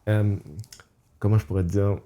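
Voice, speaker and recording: A male podcast host with a warm, mellow, low voice talks casually in a level tone, with a little hiss or hum in the recording. Reflective and halting, he frequently restarts sentences and throws in English phrases.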